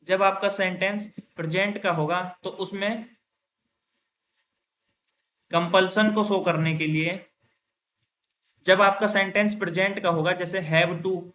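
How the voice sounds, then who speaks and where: A man teaching English grammar in a classroom lecture. He explains step by step, often asks and answers his own questions, and says example sentences louder and slowly. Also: sits high, steady tone.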